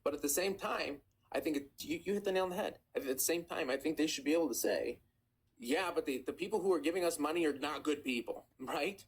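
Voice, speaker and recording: A man's voice: on the high side, breathy edge. An Iranian-American man hosting a live stream, chatting casually with callers and affirming their points. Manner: fast, conversational, affirming callers.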